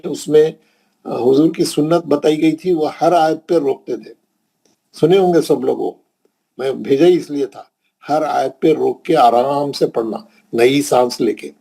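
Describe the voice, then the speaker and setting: Speaking with a Hyderabadi Urdu accent, a man from India patiently teaches Quran recitation in a classroom lesson, repeating points and checking that his students follow. His voice is warm and sits on the high side.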